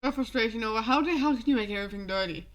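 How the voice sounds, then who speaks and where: A young woman with a fairly high voice, chatting casually on a live stream. She rambles and gets exasperated, swearing freely as she reacts. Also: rapid-fire.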